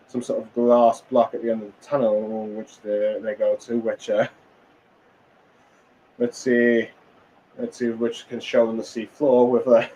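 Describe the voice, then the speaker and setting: A man's voice: medium pitch, mellow, dull audio, a little hiss or hum. A tired man casually recapping a comic chapter, rambling with many fillers and restarts. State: tired, yawning. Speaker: manga reviewer.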